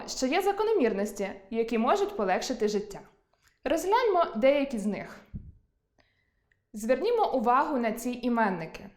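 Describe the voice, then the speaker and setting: A woman teaching an online lesson, reading from a script and slowly drawing out example words. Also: fairly high pitch, reverberant.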